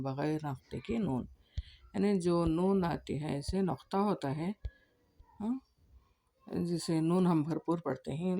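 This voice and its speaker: A woman teacher explaining a textbook page to other teachers, reading word lists slowly with drawn-out vowels. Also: sits low, creaky, dark tone.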